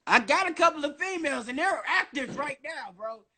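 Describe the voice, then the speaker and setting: A man in his early twenties talks on a casual live stream in a strikingly high voice with a bright, forceful edge. He keeps up nonstop, rambling chatter. His wording is slangy and heavy with swearing. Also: animated, a little fast. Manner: profane, slangy. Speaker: guest on a social media live stream. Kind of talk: casual livestream monologue.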